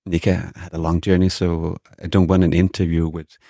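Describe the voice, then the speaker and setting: Man from Denmark, very low pitch, hesitant, restarting often, dry sound. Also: flat delivery, normal speed, gravelly, mellow, no room sound. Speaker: guest musician. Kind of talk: casual interview answers.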